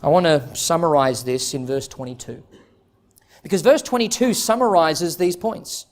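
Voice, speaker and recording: A man's voice: fairly high pitch, moderate pace. A man preaching an expository sermon as a pastor, earnest and emphatic, putting direct questions to his listeners.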